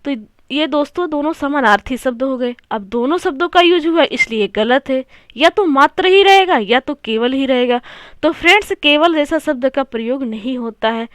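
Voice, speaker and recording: A woman's voice: sits high, fairly bright tone, no room sound, studio quality. A woman teaching an exam-prep grammar lesson, often repeating phrases, asking rhetorical questions and calling her viewers friends.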